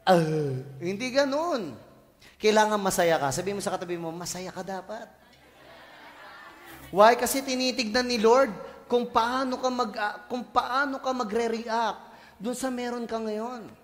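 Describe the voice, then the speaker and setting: A male pastor from the Philippines, preaching a lively sermon full of jokes and playful voices. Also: extremely high pitch, moderate pace. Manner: animated, joking, playful voices and shouts, mixes English in. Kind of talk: lively sermon with comic asides. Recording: church hall reverb.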